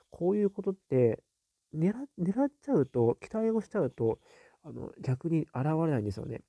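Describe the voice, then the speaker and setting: A man hosting a casual live stream, reading viewer comments aloud and musing on them with soft little fillers. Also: medium pitch, breathy edge, no echo.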